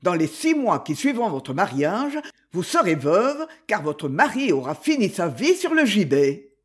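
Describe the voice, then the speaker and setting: A man's voice: high-pitched, big pitch swings, unhurried, husky, exaggerated voice. A man voicing a sullen, threatening rejected suitor in an audiobook. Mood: menacing, bitter. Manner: sullen and menacing. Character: jealous, threatening spurned male suitor.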